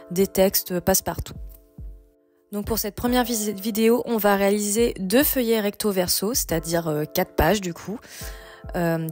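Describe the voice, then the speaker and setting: A woman's voice: on the low side, darkish tone. Casual woman tutorial host over music. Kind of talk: casual step-by-step tutorial narration. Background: background music.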